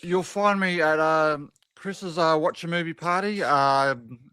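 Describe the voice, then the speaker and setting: A man's voice: on the high side, slow pace, bright, forceful tone, clean tone, dry recording. A man chatting as a podcast guest, hesitant, restarting often and saying "obviously". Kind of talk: casual podcast chat.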